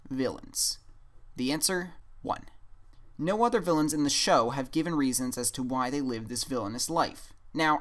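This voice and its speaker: A man's voice: mid-range voice, a bit bright. Man posing rhetorical questions. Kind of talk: video essay narration.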